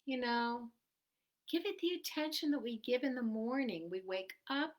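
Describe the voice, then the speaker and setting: A woman speaking in a calm, gentle, soothing manner as a meditation teacher, giving an unscripted relaxation talk. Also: on the high side, moderate pace. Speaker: meditation teacher and host of a livestream.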